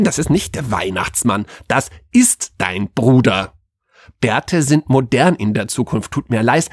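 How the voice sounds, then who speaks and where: A man's voice: mid-range voice, husky, no room sound, studio quality. A man voicing a cheeky, gossiping male ghost of Christmas future in a comic audio story, teasing and bluntly mocking.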